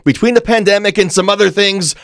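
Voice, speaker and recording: A man chats casually as a podcast co-host. His voice is fairly high, he leans on words and repeats phrases for emphasis, and the recording is dry and close. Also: fairly quick, a bit bright, no echo. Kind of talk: casual wrestling banter.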